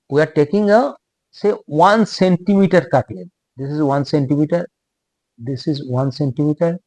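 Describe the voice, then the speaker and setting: A man with an Indian English accent giving a technical lecture, speaking in short halting phrases and repeating himself. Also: on the high side, dry recording.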